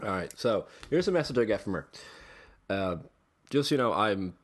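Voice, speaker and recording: A man's voice: lowish voice, lively intonation, moderate pace. A young Irish man telling a rambling, sweary story in casual podcast chat. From Ireland. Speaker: podcast host.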